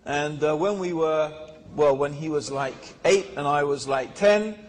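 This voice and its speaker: A man telling his personal story in a religious talk, measured and pausing with fillers. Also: a little high. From England. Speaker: guest speaker. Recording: reverberant lecture hall.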